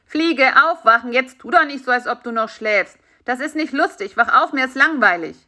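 A woman voicing an excitable, kind-hearted male spider who talks in a lively, brash way. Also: medium pitch, moderate pace. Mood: teasing.

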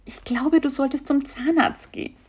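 A woman's voice: high-pitched, steady tone, moderate pace, pitched above the performer's own voice, natural voice. A woman voicing a cheeky, gloating little male fly in a perky, smug tone.

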